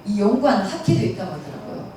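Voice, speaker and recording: A woman's voice: medium pitch, expressive, quick pace, mellow, slight background noise. A woman giving a casual, folksy lecture on pansori and answering questions. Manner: chatty, folksy, mimics dialect phrases. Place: lecture room at a cultural center. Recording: echoey hall, distant mic.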